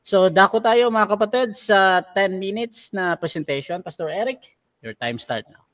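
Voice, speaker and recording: A man moderating an online debate, briskly addressing the audience as brethren and passing the floor to speakers. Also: high voice, lively intonation, a bit bright.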